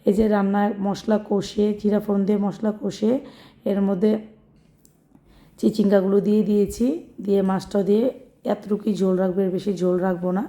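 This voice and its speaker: A young woman from Bangladesh with a hoarse voice, narrating her daily home cooking vlog in a homely, chatty way and explaining each step. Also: mid-range voice, level tone, a little fast, warm tone.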